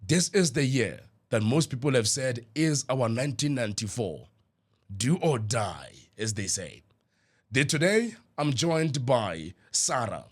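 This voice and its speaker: A man hosting a podcast interview, asking questions and murmuring steady agreement while his guest speaks. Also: medium pitch. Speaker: podcast host. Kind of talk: conversational interview.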